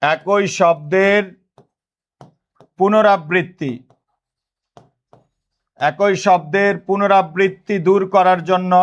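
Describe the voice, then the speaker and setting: Male teacher from Bangladesh, high-pitched, drills students with repeated questions and slow dictation. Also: dull audio. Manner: repetitive call-and-response questioning; dictates notes slowly, repeating phrases. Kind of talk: online class lecture.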